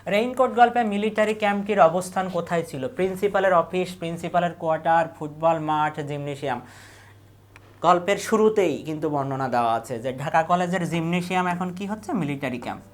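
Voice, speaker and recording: A woman teacher with a Bangladeshi Bengali accent, leading an exam revision lesson, asking questions and repeating the answers slowly. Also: fairly low pitch.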